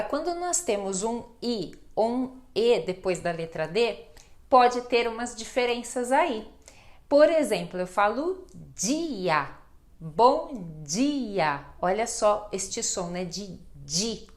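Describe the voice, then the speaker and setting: A Brazilian woman teaching Portuguese pronunciation, patient and reassuring as she spells out example words. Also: medium pitch. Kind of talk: slow pronunciation lesson.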